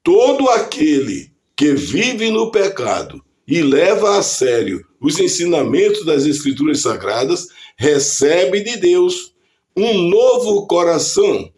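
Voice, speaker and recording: Slow, deliberate Brazilian preacher man. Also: on the high side, darkish tone. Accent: Brazilian Portuguese. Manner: slow, deliberate preaching delivery reading scripture aloud. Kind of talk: scripted devotional reflection.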